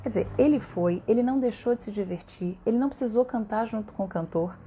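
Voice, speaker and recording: Chatty Brazilian woman with a dark voice. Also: on the high side, quick pace, slight background noise. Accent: Brazilian Portuguese. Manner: chatty and warm, many tag questions. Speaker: voice therapist hosting a live stream. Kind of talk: casual live-stream talk answering viewers.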